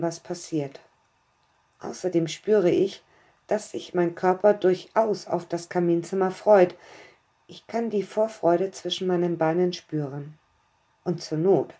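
Brief: woman narrator, lower pitch, mellow, calm and intimate. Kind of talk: first-person story narration.

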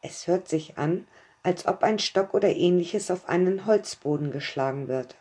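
Warm-voiced woman narrating a story. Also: fairly low pitch, moderate pace, breathy edge. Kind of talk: first-person story narration.

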